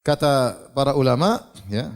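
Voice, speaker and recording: A man giving a religious lecture, animated and questioning, who asks his audience questions and acts out scenes. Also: mid-range voice, unhurried. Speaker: preacher.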